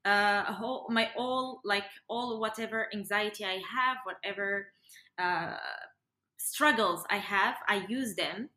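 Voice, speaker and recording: Her voice is medium-pitched and sharp, delivered unhurriedly: a young Moroccan yoga and breathwork facilitator speaking casually as a podcast interview guest. The recording has a roomy, echoey quality.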